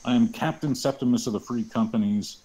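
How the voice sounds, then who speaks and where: A man's voice: medium pitch, a little fast, dark tone, pitched above the performer's own voice, close to an everyday voice, low-quality recording. A man voicing a stern mercenary captain with a parade-ground delivery in a tabletop game. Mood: stern, declaring. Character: stern male mercenary captain addressing troops. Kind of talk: tabletop game role-play.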